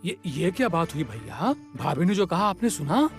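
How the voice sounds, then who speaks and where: An actor playing a younger brother who tries to calm a household quarrel in a TV serial. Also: male voice, on the high side, moderate pace, soft background music. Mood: placating. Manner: soothing, sheepish. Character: placating younger brother caught in the middle.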